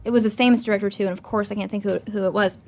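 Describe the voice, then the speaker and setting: A woman's voice: mid-range voice, steady tone, racing, darkish tone. A woman chatting as a podcast guest, talking in a hesitant, rambling way with many fillers and frequent laughter. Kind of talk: casual interview chat.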